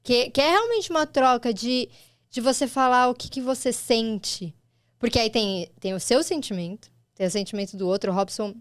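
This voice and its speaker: A woman's voice: fairly high pitch, normal speed, dry recording, studio quality. A woman with a Brazilian Portuguese accent hosting a casual conversation, telling stories with emotion. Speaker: host, mother.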